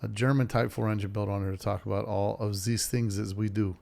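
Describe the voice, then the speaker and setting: A man's voice: lowish voice, steady tone, fairly quick, gravelly, mellow. A man hosting a casual car podcast at a trade show, loose and talkative, rallying listeners at the close. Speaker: podcast host. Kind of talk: casual interview chat.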